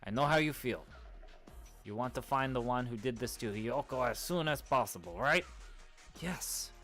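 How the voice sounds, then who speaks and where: A let's play host works through a visual novel, reading every character's lines aloud and switching among put-on voices, sometimes with hammy accents. His mid-range voice is a bit bright, with lively intonation and a moderate pace, over faint background music.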